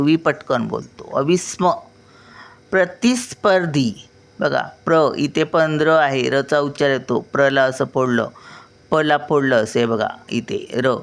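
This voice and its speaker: An older woman with a Marathi accent, patiently teaching children pronunciation syllable by syllable. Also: sits low.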